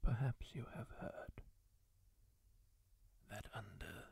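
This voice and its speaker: In an exaggerated, fairly low voice, a man performs an ASMR roleplay, whispering as a kindly masked healer of a dark fantasy world. His soft, unvoiced whisper is gravelly and husky as he tells the listener a slow, hushed, solemn story.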